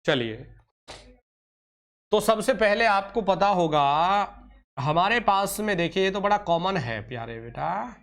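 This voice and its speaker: A man leads an online exam-prep lecture in a high voice. He talks slowly and stretches out key terms. He calls his students dear children and sometimes scolds them like a teacher. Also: animated, a bit bright. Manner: teacherly, addresses students as "beta" and "pyare bachche", scolds and coaxes; drawn-out slow emphasis on key terms.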